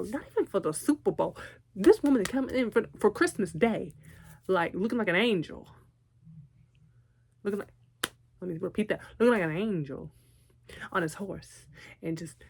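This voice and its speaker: A young woman with a Southern drawl talks casually to her viewers, animated and full of asides. Her voice sits a touch low for a woman. It sounds like a relaxed vlog chat. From Texas, United States. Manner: chatty and animated, with asides and laughs. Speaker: vlogger.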